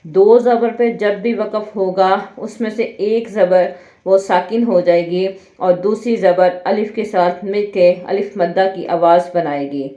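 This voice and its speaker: Slow, deliberate woman teacher. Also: medium pitch, warm tone. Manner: spells out each letter and vowel mark, then blends the word. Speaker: Quran reading teacher. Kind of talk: slow syllable-by-syllable drill with spoken explanations. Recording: muffled, echoey room.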